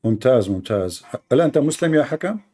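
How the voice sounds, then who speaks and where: A male host runs a live debate stream, his voice dark and mellow at a middle pitch. He talks bluntly and switches between languages. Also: expressive, quick pace, a little hiss or hum.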